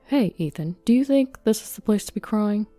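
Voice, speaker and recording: A woman voicing a kind older man, an old fisherman friend who speaks gently and encouragingly in a storybook reading. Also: medium pitch, animated, a little fast, no echo, faint music behind, pitched above the performer's own voice, natural voice. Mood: gentle.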